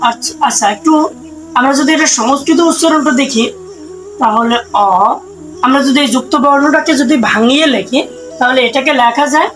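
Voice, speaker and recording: A woman with a high, clear voice explains pronunciation slowly, one step at a time. She keeps asking her listeners questions and then answers them herself. Soft music plays faintly behind her. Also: rough recording. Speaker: Sanskrit pronunciation teacher. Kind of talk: step-by-step lesson.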